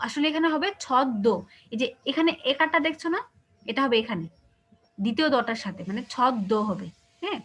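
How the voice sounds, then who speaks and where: A woman teacher with a Bangladeshi Bengali accent leads an online class. Her voice sits high and she talks quickly. She explains step by step and keeps asking her students if they understand. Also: expressive, slightly rough. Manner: explains patiently, asks checking questions.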